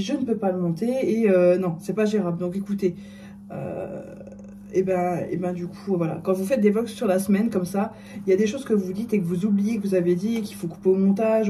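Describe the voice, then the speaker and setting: A woman's voice: medium pitch, fairly even intonation, brisk, dark tone, a little hiss or hum. A middle-aged woman chatting casually in her vlog, self-mocking and hesitant, often trailing off with fillers. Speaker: vlogger.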